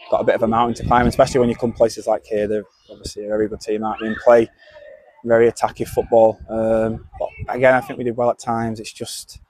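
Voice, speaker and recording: A man's voice: mid-range voice, a little mellow, slight background noise. A young man, a footballer giving a post-match interview outdoors at a ground on a lapel mic, adding tag questions.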